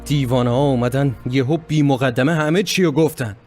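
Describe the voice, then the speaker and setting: Actor voicing an anxious husband, middle pitch, over light music. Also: male voice, a little mellow, natural voice. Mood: worried. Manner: puzzled, anxious. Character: worried young husband. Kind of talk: Persian dub of a Turkish drama.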